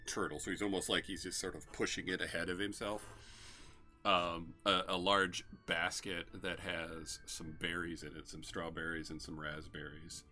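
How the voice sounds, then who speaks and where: Bright-voiced man as game master. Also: low-pitched. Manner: loose, rambling narration with fillers. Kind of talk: narrating a tabletop game.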